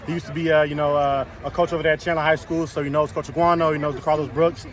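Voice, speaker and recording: After practice, a young college offensive lineman answers questions at an outdoor media scrum, with crowd chatter around him. His loud, carrying voice sits fairly high and stays flat, and he speaks rapidly, repeating words and leaning on fillers.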